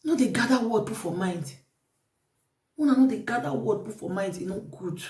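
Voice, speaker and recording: This vlogger's fairly high, darkish voice is animated and moderately paced as she addresses viewers in a Nigerian Pidgin accent, pressing life advice on them over and over in a casual monologue. Echoey room, distant mic.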